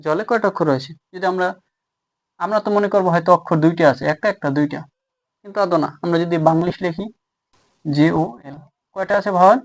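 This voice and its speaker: A young male teacher walks through a grammar lesson at the board. His voice sits a bit higher than most men's, and he often asks a question aloud and then answers it himself. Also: fast talker, long pauses.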